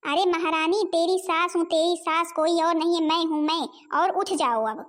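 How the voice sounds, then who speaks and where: Nagging cartoon mother-in-law voiced by a woman, high voice, scolding, loud complaints. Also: fairly even intonation, normal speed. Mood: indignant. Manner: scolding, calling out loudly. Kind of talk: homemade cartoon voice acting.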